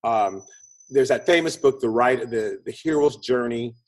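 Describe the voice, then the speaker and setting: Speaking at a moderate pace in a medium-pitched voice, a male interview guest explains his ideas the way a storyteller would, acting out quotes as he goes. He works as a film producer and script consultant, and the recording quality is low.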